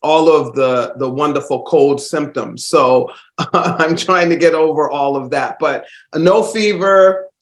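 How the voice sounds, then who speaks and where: Hosting a casual solo podcast while congested with a cold, a man rambles warmly, full of fillers and restarts. His voice is a little high and slow, and the room sounds echoey.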